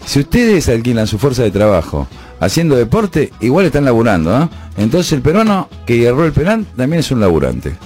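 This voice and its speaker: A man's voice: mid-range voice, wildly swooping pitch, a little fast, darkish tone, soft background music. A man with a Rioplatense accent hosting late-night radio, opinionated and emphatic, repeating his points. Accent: Rioplatense Spanish. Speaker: radio host. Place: radio studio.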